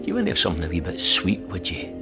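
A sly old Scottish granddad. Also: male voice, low voice, wildly swooping pitch, fast talker, over music. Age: older. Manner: dry, mocking, sly. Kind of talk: comedy sketch acting.

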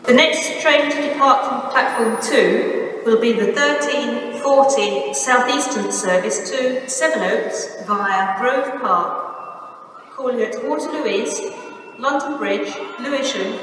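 Woman, train station announcement over loudspeaker, slow, measured, long booming reverb, busy station noise. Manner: measured, even, formal delivery. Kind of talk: recorded departure announcement. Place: large railway station concourse. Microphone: station loudspeaker picked up from far off. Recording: echoey station hall, distant, noisy. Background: station ambience.

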